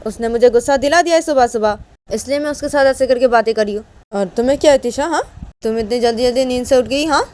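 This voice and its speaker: A woman voicing a short-tempered mother who scolds with repeated sharp "haan?" tags. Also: on the high side, unhurried, hardly any pauses, voice pushed up, close to an everyday voice. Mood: scolding. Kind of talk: storytelling with acted dialogue.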